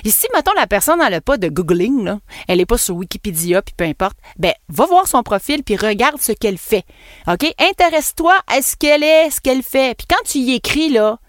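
A woman's voice: a little high, expressive, brisk, no echo, clean studio sound. A woman with a Québécois accent hosting her own solo podcast as an NLP coach, talking casually and playfully, swooping up and down and laughing at herself. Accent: Québécois French. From Quebec.

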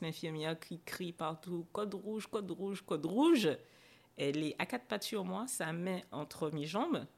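Low-voiced woman telling a personal story. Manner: hesitant, frequent fillers and restarts; emotional recounting. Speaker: podcast guest. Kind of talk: personal storytelling in a podcast interview.

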